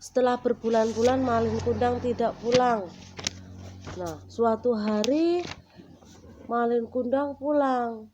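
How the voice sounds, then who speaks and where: A woman telling a folktale to her small child in a simple, slow storytelling manner at home. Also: a little high. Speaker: parent reading to a child. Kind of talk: bedtime story narration. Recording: dull recording with faint noise.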